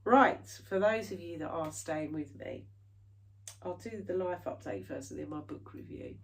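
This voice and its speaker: A British cross-stitch vlogger chats to camera in a rambling, casual way, full of fillers and restarts, her nose a little stuffy from hay fever. Her voice is on the low side and creaky, at normal speed, and she sounds far from the mic.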